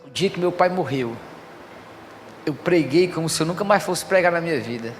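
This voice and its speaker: A male pastor preaching a fervent sermon, swinging from hushed passages to loud declarations. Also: fairly high pitch, expressive, moderate pace, big-room sound.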